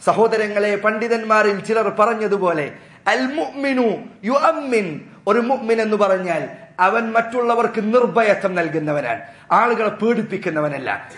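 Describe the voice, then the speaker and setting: A man's voice: high-pitched, fairly bright tone, roomy sound. A male Islamic preacher giving an earnest, admonishing sermon and addressing his listeners as brothers.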